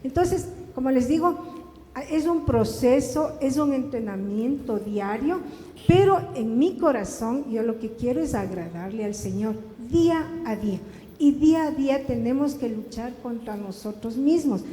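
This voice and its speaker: A woman's voice: a little high, animated, measured pace, warm tone. Earnest woman testifying in an echoey hall. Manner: earnest, confessional storytelling. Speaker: church speaker giving testimony. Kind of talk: personal testimony to a congregation. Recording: echoey church hall with faint room noise.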